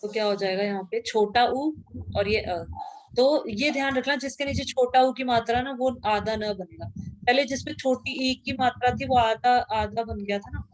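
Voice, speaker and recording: A woman's voice: a little high, moderate pace. A woman teaching a grammar lesson to a class, patiently repeating sounds aloud and checking that students follow.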